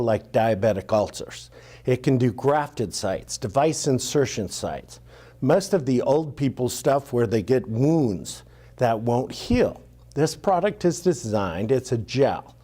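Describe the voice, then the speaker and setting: A man explains a medical product in plain, casual language. His pitch is animated. His timbre is warm and dark. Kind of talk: explanatory interview.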